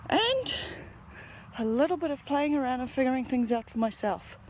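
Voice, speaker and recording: A woman's voice: high voice, big pitch swings, normal speed, a little hiss or hum. New Zealand woman, dog trainer, chatty explainer, outdoor walking vlog. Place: outdoors in native bush on a walk.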